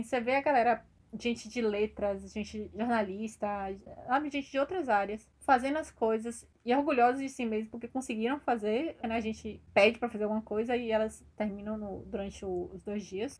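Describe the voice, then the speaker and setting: A woman's voice: fairly high pitch, a little fast, hardly any pauses, darkish tone. A woman giving a casual, hesitant personal testimonial about organizing coding events, with an encouraging tone. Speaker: computer science student or graduate.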